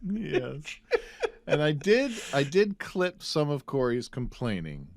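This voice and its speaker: Man, podcast co-host, dry humor, slow, very expressive pitch. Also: vocal fry. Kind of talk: casual chat.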